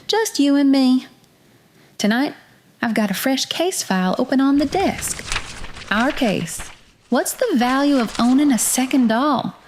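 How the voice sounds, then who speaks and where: Woman acting as a noir detective's secretary, Southern US accent, folksy, no-nonsense, mid-pitched, scripted podcast hosting, chatty direct address. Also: natural voice. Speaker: podcast host.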